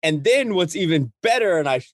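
A man's voice: a little high, big pitch swings, brisk, no echo, clean studio sound. A man co-hosting a podcast in casual conversation, enthusiastic, with playful asides to the listeners. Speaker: podcast co-host.

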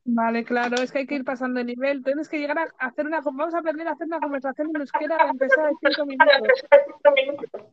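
A woman's voice: high voice, fairly even intonation, quick pace, no echo, highs cut off. A woman co-hosting a casual podcast, patiently correcting Basque pronunciation. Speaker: co-host teaching Basque. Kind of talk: casual chat, language tutoring.

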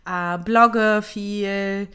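A woman in her thirties from Ukraine, co-hosting a casual podcast chat and pausing often with fillers. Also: medium pitch, fairly even intonation, a bit bright, clear, resonant tone. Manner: hesitant, many fillers. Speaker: podcast co-host.

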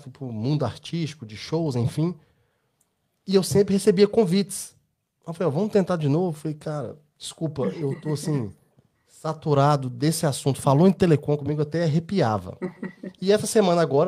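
A man's voice: mid-range voice, mellow. A Brazilian man with a Brazilian Portuguese accent, co-hosting a podcast and telling rambling personal stories with frequent tag questions. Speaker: podcast co-host. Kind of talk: casual podcast chat.

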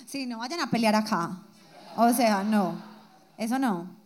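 A woman's voice: a little high, expressive. A woman in playful, chatty banter as a podcast co-host on a live show. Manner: chatty, playful, quick to laugh.

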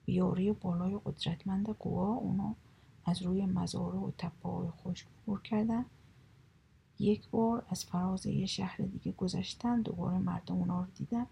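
Husky woman reading a children's story. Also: mid-range voice, fairly even intonation, warm tone, rough recording.

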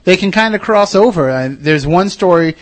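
A man's voice: high voice, expressive, moderate pace, dry recording. A man from Massachusetts hosting a casual radio interview, talking in a conversational, enthusiastic way. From Wareham, Massachusetts. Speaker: radio host.

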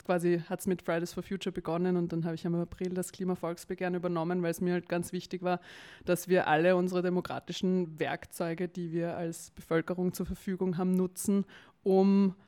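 A young woman from Vienna talks in an easygoing interview. Her Viennese accent is clear, her voice sits low and warm, and her pitch stays fairly even. She fills pauses with ums and chats freely. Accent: Viennese Austrian German. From Vienna, Austria. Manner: talkative, many fillers, occasional laughs. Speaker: interview guest, campaign spokesperson. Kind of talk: casual interview.

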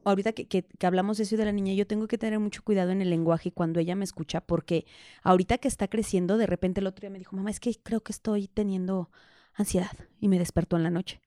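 A woman's voice: mid-range voice, fairly even intonation, quick pace, dark tone, no echo, studio quality. A Mexican woman in her thirties co-hosting a podcast, telling personal stories candidly and acting out quoted dialogue. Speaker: podcast co-host. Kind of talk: casual podcast conversation.

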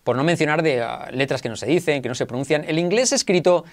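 A man with a Spain Spanish accent leads a lively pronunciation lesson. His voice sits a little high for a man, and he drills each sound over and over with exaggerated repetition. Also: fast. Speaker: English pronunciation teacher.

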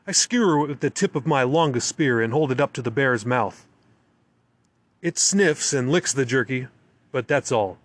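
Man, dramatic first-person narration, intense, emotional, lively pitch, dry close sound. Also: moderate pace, dry recording.

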